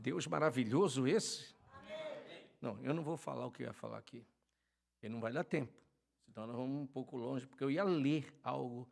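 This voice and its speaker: An older Brazilian man preaching a sermon as a pastor, fervent, swinging from loud shouted calls to quiet storytelling. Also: medium pitch, fairly quick, gravelly. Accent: Brazilian Portuguese. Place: church.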